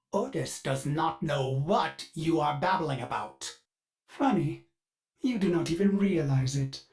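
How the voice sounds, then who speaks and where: Fussy, courteous ship AI, Ordis. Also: male voice, a little high. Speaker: ship's onboard assistant. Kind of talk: video game voice lines.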